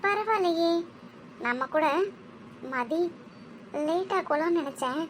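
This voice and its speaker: A woman voicing a bossy, sharp-tongued young woman in a cartoon, scolding and sardonic. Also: very high-pitched, lively intonation, takes it slowly, slight background noise, voice pushed down, full character voice.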